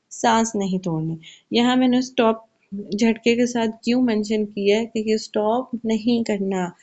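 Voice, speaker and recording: A woman's voice: mid-range voice, dark tone, dull audio. A woman teaching children Quran recitation, explaining each rule patiently and asking questions she then answers herself. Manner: slows to recite verses carefully. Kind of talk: Quran tajweed lesson for kids.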